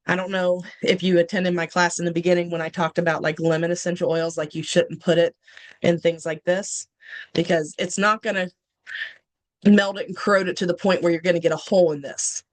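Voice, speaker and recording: A host chatting casually with viewers, explaining things and addressing them directly. The voice sits at a middle pitch. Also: little pitch movement, moderate pace, poor audio. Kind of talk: casual live chat.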